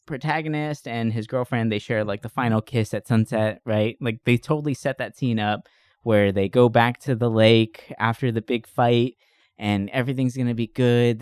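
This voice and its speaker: A man hosts a podcast, rambling casually about movies with plenty of profanity. His medium-pitched voice is smooth and a little mellow, captured as clean studio sound with no echo.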